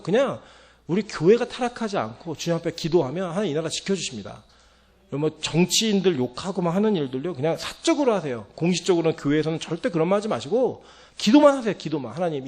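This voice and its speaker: A man preaching a sermon with a high, lively voice that swings widely in pitch. He talks fast and animatedly, acting out the voices he quotes as he speaks. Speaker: pastor.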